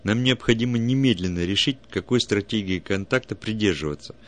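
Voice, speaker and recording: A man's voice: fairly low pitch, a little fast, close to an everyday voice. A man voicing an earnest male alien biologist who speaks urgently and points things out.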